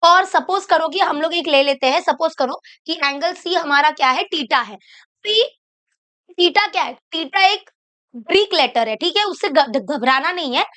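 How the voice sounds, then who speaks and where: A woman's voice: high-pitched, lively intonation, measured pace, sharp tone. A young woman teaching a maths lesson, mixing Hindi with English terms and asking the class to repeat after her. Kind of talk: board exam maths lesson.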